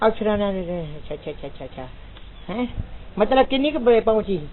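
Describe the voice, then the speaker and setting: A man's voice: high-pitched, lively intonation, a little fast. A male comedian, teasing and mock-sympathetic in an improvised village comedy sketch. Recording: tinny lo-fi with crowd noise.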